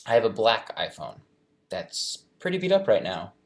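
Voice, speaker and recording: A man's voice: fairly low pitch, sing-song, moderate pace, vocal fry. A young man in his twenties answering fan questions in a casual live chat, reading each question aloud and then thinking it through.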